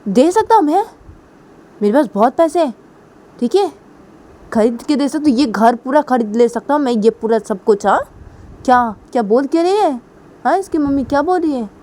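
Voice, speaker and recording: A woman's voice: on the high side, fairly even intonation, a little fast, mellow, voice pushed up, close to an everyday voice. A woman doing a brash hot-tempered young woman. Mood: angry. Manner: demanding, boastful.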